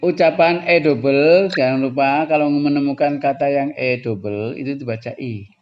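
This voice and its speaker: A man's voice: mid-range voice, highs cut off. A man teaching English pronunciation to a class, explaining patiently and chuckling now and then. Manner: explains slowly, often drifting into chuckles, switching between two languages. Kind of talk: classroom lesson.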